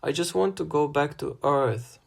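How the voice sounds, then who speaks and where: A man's voice: fairly high pitch, moderate pace, vocal fry, pitched above the performer's own voice. A man doing a sarcastic, panicky teenage boy. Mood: panicked.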